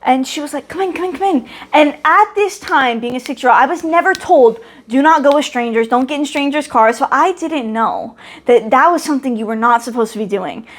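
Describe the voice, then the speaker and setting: A woman's voice: sits high, brisk, few pauses. A young woman co-hosting a podcast, telling a childhood story casually and acting out the voices in quotes, often laughing. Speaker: podcast co-host.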